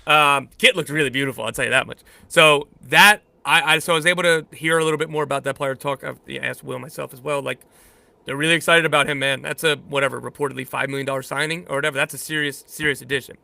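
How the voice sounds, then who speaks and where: A man with a very bright, forward voice talks through the latest news in a quick, animated way, often doubling back to correct himself. The sound is close and dry, with no room around it. His pitch sits a little high for a man. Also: gravelly, no echo. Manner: animated, self-correcting, jokey. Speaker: podcast co-host and insider. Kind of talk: casual sports chat.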